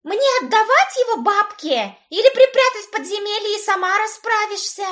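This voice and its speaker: A woman voicing a bossy young witch cousin who shouts shrill demands. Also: big pitch swings, normal speed, full character voice. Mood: shrill demanding.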